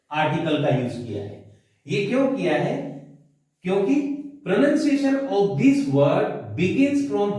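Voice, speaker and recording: A man with an Indian English accent teaches a grammar lesson at a whiteboard, walking through each point and checking in with the viewer. His voice sits high. He is recorded from a distance in a strongly echoing room. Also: darkish tone. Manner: explains step by step, asks the viewer questions. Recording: very echoey room, voice from off the mic.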